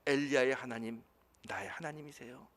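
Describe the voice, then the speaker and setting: Male pastor, middle-aged, sermon, ringing tense voice, dropping to hushes then swelling loud. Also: medium pitch, steady tone, brisk. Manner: emotional storytelling, swinging from hushed to loud. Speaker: senior pastor. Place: church sanctuary. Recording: reverberant church hall.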